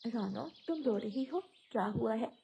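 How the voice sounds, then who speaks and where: A gentle pigeon from a cartoon comforts her friend softly, as a woman puts her on. She sounds warm and caring. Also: fairly high pitch, animated, unhurried, creaky. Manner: soft and comforting. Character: kind female pigeon friend.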